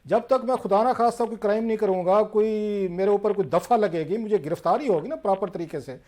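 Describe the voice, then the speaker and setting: A man's voice: high voice, a little mellow. A man hosting a talk show, pressing his guest with rhetorical questions. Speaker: host.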